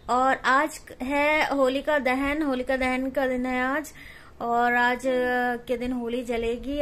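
High-voiced young woman vlogging at home. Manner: coos and baby-talks softly to her child. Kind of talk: casual home vlog, talking to her baby. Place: home indoors.

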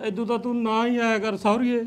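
An actor playing a poor, aging father who gently consoles his daughter. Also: very high voice, level tone, fast talker. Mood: tender.

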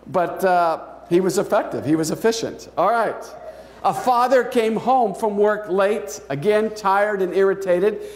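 A man preaching a sermon as pastor, telling stories and letting his phrase endings drop soft and slow. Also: high-pitched. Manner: storytelling, with soft, slowed endings. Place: church sanctuary. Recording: echoey church hall.

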